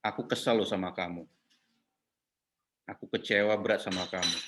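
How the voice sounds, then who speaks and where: A man voicing a hurt wife who speaks calmly and softly to her husband, his voice dropping low. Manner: soft, calm and lowered in tone.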